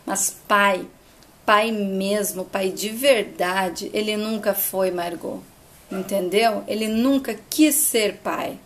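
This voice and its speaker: A woman's voice: medium pitch, slow pace, slight background noise, voice pushed down, natural voice. A woman doing an anxious earnest young woman.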